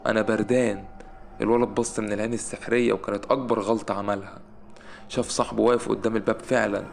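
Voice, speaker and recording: Gravelly man telling horror stories. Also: on the low side, slight background noise. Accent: Egyptian Arabic. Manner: suspenseful, dramatic pauses. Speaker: horror story narrator. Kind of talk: scripted horror narration.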